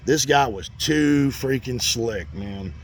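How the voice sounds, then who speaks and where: A man's voice: mid-range voice, slow, slight background noise. A middle-aged man telling a rambling, earnest story, full of "man" and "you know". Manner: folksy and earnest, talks about faith. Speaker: host. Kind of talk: casual storytelling monologue.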